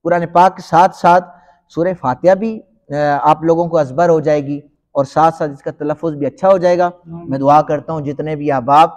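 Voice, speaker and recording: A male Quran teacher giving a tajweed lesson, explaining step by step and stretching words out in slow recitation. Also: on the high side, steady tone, a little mellow. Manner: explains slowly, then recites in long drawn-out chanting.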